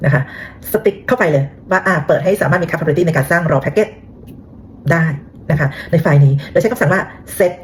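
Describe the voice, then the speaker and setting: A woman's voice: fairly low pitch, a little hiss or hum. A woman casually explaining a technical topic in a chatty way, with lots of fillers and rhetorical questions to her listeners. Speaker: cybersecurity talk host.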